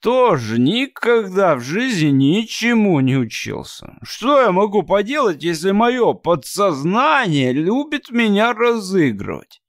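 A man's voice: high-pitched, big pitch swings, measured pace, dry recording, clean studio sound, voice pushed up, heavily acted. A man voicing a tipsy, flippant male inventor who grumbles and mocks in an audiobook. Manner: grumbling, mocking.

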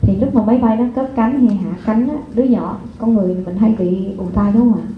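A woman giving a live parenting seminar, talking lively and constantly asking the audience rhetorical questions. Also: medium pitch, a little fast. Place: lecture hall before an audience. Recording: echoey hall over a phone-like line, faint noise.

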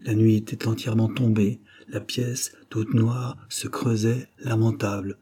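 A man narrating a novel in a dramatic, expressive reading. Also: fairly low pitch, measured pace. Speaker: audiobook narrator. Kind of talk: scripted literary narration.

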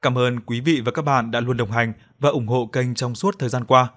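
A man tells a ghost story in a steady, even storyteller's voice. His pitch sits in a plain middle range for a man, and the reading stays calm. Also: normal speed. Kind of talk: scripted ghost story narration.

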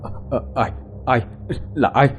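A man's voice: medium pitch, unhurried, muffled recording, soft background music, lightly acted. A man voicing a terrified young husband in a ghost story, stuttering and panicked.

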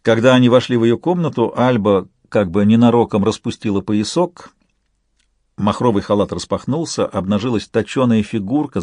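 Male audiobook reader, measured storytelling, lowish voice, dry studio mic. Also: darkish tone, no echo. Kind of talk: scripted narration.

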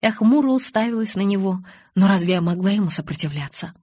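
A woman's voice: medium pitch, lively intonation, fast, a little mellow, dry recording. A woman narrating a first-person romance audiobook in an intimate storytelling manner. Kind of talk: scripted narration.

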